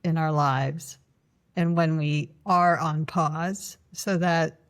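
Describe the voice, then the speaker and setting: A woman coach speaks in a fairly low voice. She is quick and playful in this casual conversation and sometimes finishes her partner's thoughts. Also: fairly even intonation. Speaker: guest, coach and co-founder.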